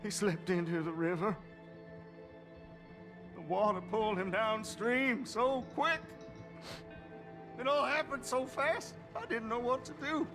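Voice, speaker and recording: A man's voice: very high voice, a little slow, long pauses, music in the background. A man playing a deranged, grieving backwoods father with a Southern American accent in a video game. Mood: grieving, pleading.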